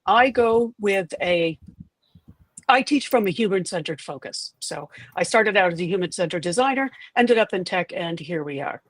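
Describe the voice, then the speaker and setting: A woman's voice: lowish voice, expressive, moderate pace, no echo. A woman with an upstate New York accent, casually introducing herself as a guest on a live panel. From upstate New York, USA. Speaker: panel guest, AI educator and teacher.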